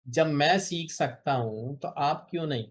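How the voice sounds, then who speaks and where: A man tutoring beginners in spoken English over a video call, patient and encouraging, repeating example phrases slowly. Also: on the high side, husky. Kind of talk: online spoken English lesson.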